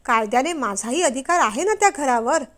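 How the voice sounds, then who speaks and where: Young storybook wife, read by a woman: high, pleading, persuasive. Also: normal speed, a bit bright. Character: worried young wife, coaxing then defiant.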